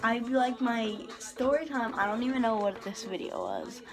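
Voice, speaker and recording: A woman's voice: a little high, normal speed, low-quality recording. A teenage girl telling a storytime vlog in rambling casual chat, with heavy "like" fillers and frequent swearing. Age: teens. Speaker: vlogger.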